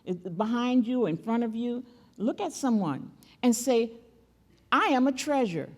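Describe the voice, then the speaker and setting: A woman's voice: a little high, expressive, measured pace. An older woman, a great-grandmother, preaching as guest speaker at a church, emphatic and repeating key phrases as she calls on the audience. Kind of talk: sermon.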